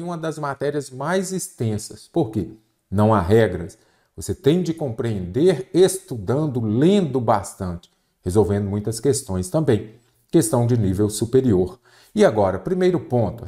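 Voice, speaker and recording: Working through exam questions step by step, a Portuguese teacher asks questions and answers them on his own. His voice is medium in pitch and warm, and the setting is an exam prep lesson.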